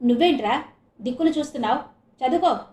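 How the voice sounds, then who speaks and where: A woman voicing a sharp, scolding anxious mother. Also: high-pitched, lively intonation, fast talker, echoey room. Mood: angry. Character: irritable anxious middle-aged mother.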